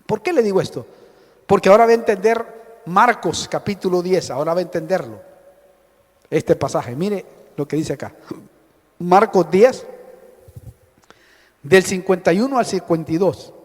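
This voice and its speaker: A man preaching a sermon as pastor, impassioned, swinging between loud exhortation and hushed asides. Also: high-pitched, animated, moderate pace, long pauses. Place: church hall. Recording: long reverb with faint music, church hall.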